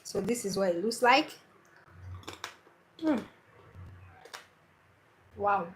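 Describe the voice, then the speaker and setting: A woman with a Nigerian Igbo accent talks through a home cooking lesson at an unhurried, deliberate pace. She is chatty and keeps repeating her key points for emphasis. A faint hiss of noise sits under her voice. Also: mid-range voice, animated, rough recording. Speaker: cooking channel host. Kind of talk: casual cooking tutorial.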